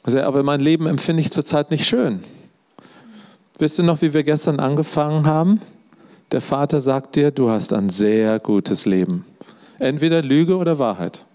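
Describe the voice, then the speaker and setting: A man's voice: on the high side, moderate pace, a little mellow. German man preaching a personal sermon. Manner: storytelling, conversational, addresses audience directly.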